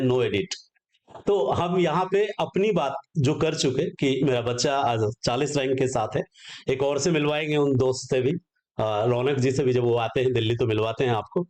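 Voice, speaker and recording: A man hosting an academy video, welcoming a successful exam candidate in an earnest, reflective way with frequent hesitant pauses. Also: a little high, darkish tone. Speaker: coaching academy teacher and host. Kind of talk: warm welcoming speech, reflective.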